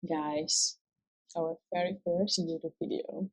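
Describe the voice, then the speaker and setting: A woman in her twenties from Suriname, speaking with a Surinamese Dutch accent, co-hosts a vlog in open, casual chat, often saying "like." Her lowish voice is steady and slow, and the rough recording has no room sound.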